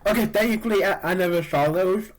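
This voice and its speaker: A sniffly man co-hosts a casual podcast, his nose stuffed from allergies. He talks in a relaxed, chatty way, with a voice a bit above the usual pitch for a man. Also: fast, rough recording. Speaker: podcast co-host. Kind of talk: casual chat.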